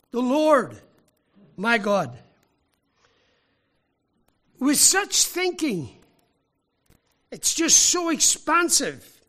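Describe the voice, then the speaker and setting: A man from Ireland, preaching a sermon with emphatic rhetorical questions and deliberate pauses. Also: extremely high pitch, pushed and bright. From Northern Ireland.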